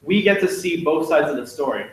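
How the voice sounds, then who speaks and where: Heard from far off in a very echoey classroom via a room mic, a student club presenter talks through his slides. The young man's voice is a little high, animated, and fairly quick, and he jokes around casually with plenty of fillers.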